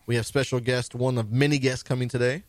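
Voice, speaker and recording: A man's voice: mid-range voice, steady tone, fast talker, dry recording. A man hosting a radio show in a studio, chatting casually. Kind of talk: casual chat.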